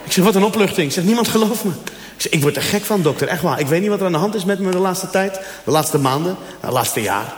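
A man performs a stand-up comedy routine from a theater stage, telling a story and slipping into different voices for each character. His voice sits fairly high. The sound carries a long, roomy hall echo with faint ambient noise behind him. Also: lively intonation, quick pace. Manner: storytelling, acting out dialogue with shifting voices. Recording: echoey hall, audience laughter.

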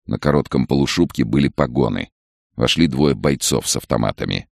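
Man, very deep voice, gravelly, lively pitch, dry close recording, audiobook narration. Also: fairly quick, dry recording. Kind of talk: scripted narration.

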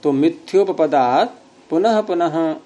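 Guy teaching grammar class, kinda high voice, mellow, teases students a little. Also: slow. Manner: patient, repeats and quizzes students with questions; gently teasing, chuckles.

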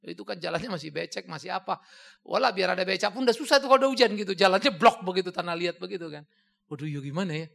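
A male pastor delivering a sermon in a heavily gravelly, creaky voice. His pitch swings widely as he spins animated stories. He breaks into laughter often. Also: very fast. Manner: animated storytelling, frequent laughter.

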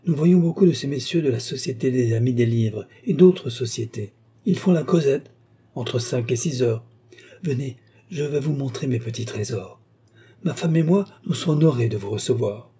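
A man's voice: medium pitch, animated, moderate pace, warm tone, husky. A man voicing a fawning, eager male bookseller who pushes his wares with effusive patter, in a narrated story. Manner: pushy, effusive salesman patter.

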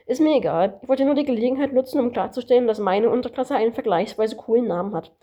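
A woman's voice: on the high side, dull audio, lightly acted. A woman voicing a cheeky, lecturing male kangaroo in an amateur audiobook reading. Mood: smug teasing. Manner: smug, lecturing, quick-witted.

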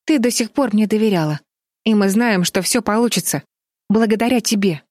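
A woman's voice: mid-range voice, brisk, a little mellow, no room sound, studio quality, voice pushed up, close to an everyday voice. Brave girl heroine, urgent rallying tone, read by a woman narrator. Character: determined girl heroine, bold leader.

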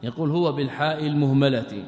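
A man's voice: on the high side, fast talker, a little mellow. A man teaching a classical book in a lecture, often asking rhetorical questions and repeating phrases. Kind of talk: lecture explaining a text. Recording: long hall reverb.

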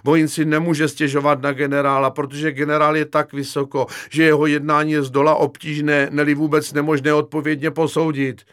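A man's voice: dry recording, clean studio sound, close to an everyday voice. A man voicing a weary, nervous army lieutenant who pleads and frets. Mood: alarmed. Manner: whining, pleading, flaring into shrill panic.

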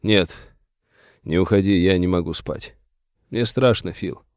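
A man with a deep, slightly slow and somewhat mellow voice plays a frightened aging rancher who pleads plaintively and with agitation, tearful and whining. The mood is fearful and plaintive, recorded with studio quality and no echo.

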